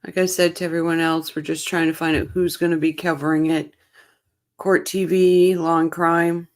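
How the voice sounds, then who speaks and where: A woman with a deep voice hosts a casual livestream, greeting chat viewers by name. She sounds tired, as if it's morning, and speaks at a normal speed with flat delivery.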